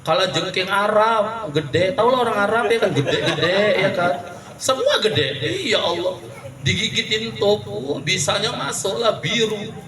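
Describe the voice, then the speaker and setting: High-voiced joking Indonesian preacher. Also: male voice, measured pace, crowd noise. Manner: lively and joking, often calls out to the women in the audience. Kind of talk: humorous sermon to a live audience. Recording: echoey room, mic from a distance. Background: audience murmur and laughter.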